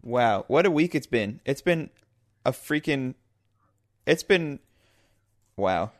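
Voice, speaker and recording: A man's voice: medium pitch, expressive, takes it slowly, faint music behind. A man co-hosting a podcast, trading playful, teasing banter in casual chat. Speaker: podcast co-host.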